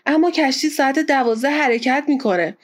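An excitable manservant in a storybook, quick to alarm and exclaiming his complaints, as a woman narrator puts him on. His voice jumps high when he cries out. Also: close to an everyday voice. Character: excitable male servant, easily alarmed.

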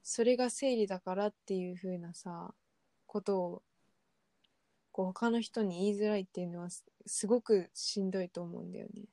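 A young woman in relaxed podcast chat, speaking candidly and haltingly, often pausing on fillers. Her voice is mellow and on the dark side. It sits dry and close to the mic. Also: mid-range voice, dry recording. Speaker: podcast co-host. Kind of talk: casual chat.

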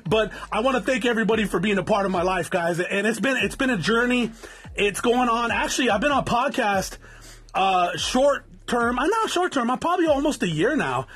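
A man's voice: very high voice, expressive, a little fast, a bit bright, husky. A man in his forties from Southern California, hosting his own podcast in an unscripted, rambling talk with a stuffy nose, repeating words and cussing freely. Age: 40s. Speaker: podcast host. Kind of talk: casual unscripted podcast monologue. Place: home in the desert.

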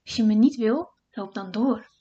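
A woman voicing a group of eerie forest lights that call out to a traveler in a slow, high sing-song. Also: mellow, husky. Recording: dull lo-fi recording.

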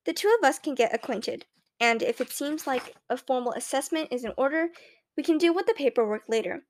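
A woman's voice: high-pitched, animated, a little fast, a little hiss or hum. A woman voicing a kindly, businesslike older woman who helps out at a school and talks in a friendly, practical way.

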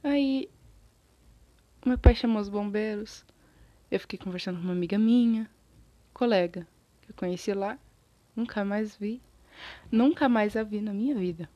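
A woman's voice: mid-range voice, moderate pace, long pauses, no room sound, lo-fi sound. Chatty Brazilian woman with a scratchy throat. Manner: chatty, animated, loses her thread and apologizes. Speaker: storyteller. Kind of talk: casual storytime monologue.

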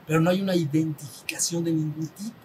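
A man's voice: steady tone, quick pace, darkish tone, low-quality recording. A man with a Mexican accent, a spiritual teacher talking to a small group in a conversational way. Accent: Mexican Spanish. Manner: conversational, asks the group for assent, acts out little dialogues. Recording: faint rumble behind.

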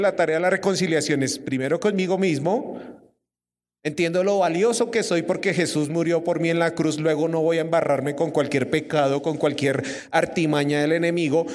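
A young Colombian preacher with a high voice gives a lively sermon, keeps questioning his congregation. His voice rings through a hall with a long reverb. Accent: Colombian Spanish. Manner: lively, asks the audience questions.

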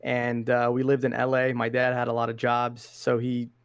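A young man from Iraq, guesting on a podcast, talks about video games in a casual interview chat, laid-back and slangy, often saying "man" and "dude". His medium-pitched voice is completely flat, at normal speed, with a clean tone and no echo.

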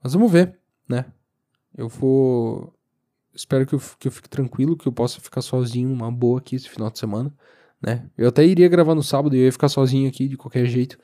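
A young man with a southern Brazilian accent speaks alone in a casual podcast monologue. His voice is soft-edged and relaxed, at a medium pitch, and he sounds sleepy. He meanders informally, often halting as he searches for his words. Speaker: podcast host. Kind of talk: casual solo monologue, rambling. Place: recorded lying down, alone.

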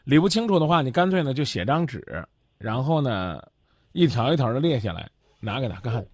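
A man's voice: medium pitch, lively intonation, a little fast, darkish tone, husky, dry recording, clean studio sound. A man hosting a radio advice show, blunt and lecturing, cutting his caller off to press her.

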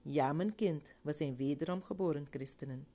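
A woman voicing a gentle male preacher who speaks in a calm, fatherly way. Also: deep voice, normal speed. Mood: reassuring.

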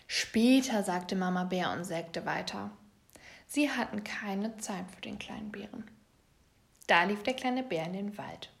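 A woman reading a children's story aloud, in a gentle, even storybook manner. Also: medium pitch, unhurried, gravelly.

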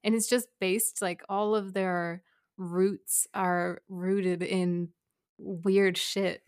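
A woman of middle pitch chats as a podcast guest, trailing off and hedging with fillers. Her voice is dry and close. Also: level tone, very slow, dry recording. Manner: chatty, hesitant, many fillers. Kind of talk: casual discussion.

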